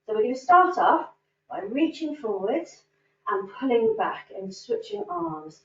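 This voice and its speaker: With a high-pitched, fairly bright voice that swings widely in pitch, this woman speaks unhurriedly. She's a fitness instructor running a standing cardio class, cheerfully encouraging everyone as she counts reps. The audio is roomy, distant, and dull.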